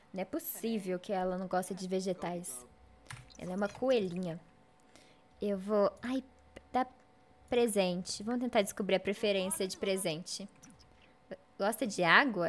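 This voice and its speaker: A young woman with a Brazilian Portuguese accent giving casual, excitable commentary while playing a farm game, squealing over cute animals. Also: mid-range voice, moderate pace, slight background noise. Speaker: gaming streamer.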